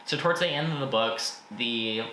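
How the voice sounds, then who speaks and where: A man's voice: mid-range voice, normal speed, pushed and bright. A man giving a casual, informal spoken book review, blunt with his opinions but often hedging them. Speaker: book reviewer and video host. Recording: echoey room with faint background noise.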